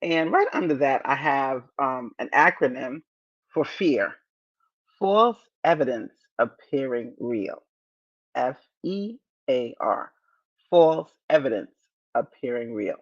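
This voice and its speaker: Woman, 50s, podcast host, unhurried delivery, encouraging, muffled lo-fi sound. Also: very deep voice, animated. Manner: deliberate, repeats key phrases, encouraging. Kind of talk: motivational podcast talk.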